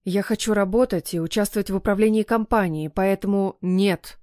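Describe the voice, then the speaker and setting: A woman's voice: mid-range voice, fairly even intonation, brisk, darkish tone, no echo, clean studio sound, natural voice. A woman voicing a stubborn pleading bride-to-be. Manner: reproachful and pressing. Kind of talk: audiobook romance reading.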